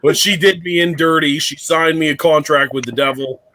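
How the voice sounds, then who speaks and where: A man's voice: a little high, steady tone, normal speed, sharp tone. A man who is a podcast guest, joking bluntly and crudely in casual chat.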